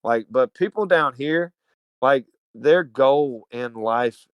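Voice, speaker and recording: A man from Alabama with a Southern US accent, telling stories as a podcast guest in an animated, slangy, profane way. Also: medium pitch, slow, smooth, no echo, dull audio. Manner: animated, slangy and profane, calls everyone dude. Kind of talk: casual storytelling chat.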